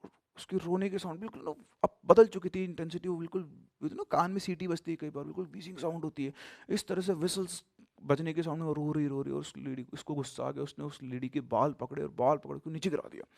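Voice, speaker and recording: A man telling a horror story casually and animatedly, mixing in English words and swinging between loud suspense and hushed tones. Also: on the high side, fairly even intonation, fast, creaky, dry recording, studio quality.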